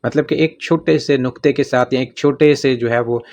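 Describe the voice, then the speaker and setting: Man, Pakistani accent, casual lesson, patient, repeats every word, medium pitch. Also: steady tone, darkish tone. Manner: patient, repeats each word, frequent fillers. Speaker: language teacher.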